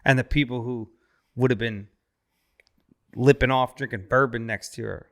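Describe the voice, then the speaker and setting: A man's voice: mid-range voice, fairly even intonation, moderate pace, a bit bright. A man hosting a podcast, chatting casually and teasing his guest with crude jokes. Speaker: podcast host. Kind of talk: casual chat.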